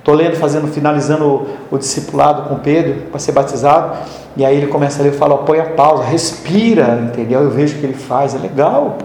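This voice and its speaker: A man's voice: fairly high pitch, fairly even intonation, fast talker, darkish tone. A man preaching a sermon in a conversational way, mixing scripture with homely stories. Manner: conversational, tells homely anecdotes. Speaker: pastor. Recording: echoey hall with faint noise.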